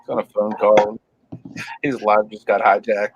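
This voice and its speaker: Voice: mid-range voice, flat delivery, normal speed, highs cut off, heavy background noise. A speaker ribbing friends on a casual live stream, laughing at their own jokes. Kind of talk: casual joking chat.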